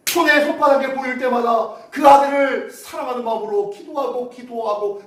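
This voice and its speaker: A male pastor preaching a Sunday sermon in a church, urging the congregation on and acting out cries to God. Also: sits high. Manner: dramatic, exhorting preacher who acts out prayers. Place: church sanctuary. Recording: echoey church, voice far from mic.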